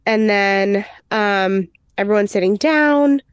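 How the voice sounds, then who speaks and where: A woman's voice: mid-range voice, takes it slowly, smooth, dry recording. A woman hosting a podcast, retelling a film in casual chat with lots of fillers. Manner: chatty, many fillers, acts out quotes. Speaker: podcast host.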